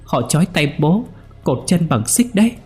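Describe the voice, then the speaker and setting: A terrified little boy cries out in a high, strained voice, sobbing and pleading, as a man puts him on. The tone is still dark and mellow underneath. It comes from a spoken horror story. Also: big pitch swings, normal speed, soft background music. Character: terrified little boy crying for his father. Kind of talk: audio horror story reading.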